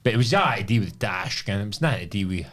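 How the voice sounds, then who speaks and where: A man's voice: on the low side, expressive, quick pace, fairly bright tone. A man co-hosting a podcast, trading laughing banter in casual chat. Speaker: podcast co-host.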